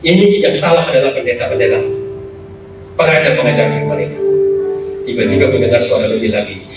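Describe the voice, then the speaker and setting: A male pastor preaching a sermon, retelling it dramatically and emotionally with sharp swings in pitch. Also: animated, a little fast, highs cut off. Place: large church hall. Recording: very echoey church hall, voice from far off, live music behind. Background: musical instrument playing.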